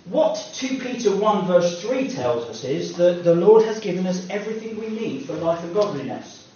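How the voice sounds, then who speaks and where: A man's voice: sits high, sing-song, normal speed, warm tone. A man preaching a sermon in a conversational, self-deprecating way with personal asides, recorded from a distance in an echoey hall. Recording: echoey distant room mic, dull sound.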